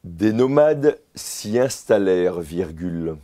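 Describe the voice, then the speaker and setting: A man's voice: low voice, lively intonation, slow, warm tone. A man playing a candidate in a comic dictation sketch, answering formally and repeating every phrase with its punctuation.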